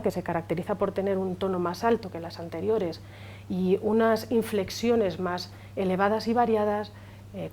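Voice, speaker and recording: Female lecturer, mid-pitched, hesitant with fillers, faint hum behind. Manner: hesitant, many fillers, drops quieter at phrase ends. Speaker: university lecturer. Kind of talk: unscripted lecture.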